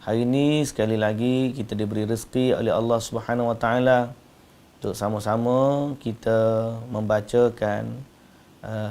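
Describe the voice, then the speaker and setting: A man's voice: lowish voice, gravelly, darkish tone. A man with a Malaysian Malay accent giving a religious lecture as a teacher, explaining with rhetorical questions to his listeners.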